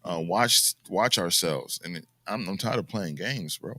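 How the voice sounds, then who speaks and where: A man's voice: low voice, lively intonation, unhurried, sharp tone, no echo. An American man co-hosting a podcast, talking in a casual, rambling and reflective way that sometimes drops to a mumble. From United States. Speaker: podcast co-host. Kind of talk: casual chat.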